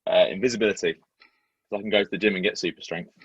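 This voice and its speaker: A man's voice: sits low, fairly even intonation, quick pace, husky, no room sound, lo-fi sound. A man, a personal trainer, giving short easygoing answers as a podcast guest, often starting with "uh". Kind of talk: casual interview answers.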